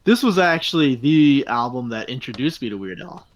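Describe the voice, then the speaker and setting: A man's voice: medium pitch, lively intonation, normal speed. A man co-hosting a podcast, chatty and enthusiastic, thinking aloud as he talks. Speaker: podcast co-host. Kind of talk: casual chat.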